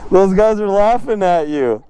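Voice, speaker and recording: Recorded through a helmet-mounted action camera, a young man vlogs casually from his motorcycle on a residential street. He has a high voice, keeps joking and laughing a lot, and there is heavy background noise.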